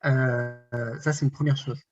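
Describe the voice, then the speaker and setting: A man's voice: medium pitch, flat delivery, unhurried. A man taking part in an online conference with his camera off, speaking hesitantly with many fillers while his voice comes through doubled and echoing over a poor connection. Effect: voice heard doubled, echoing over a poor connection. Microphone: video call, camera off. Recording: muffled lo-fi video call line.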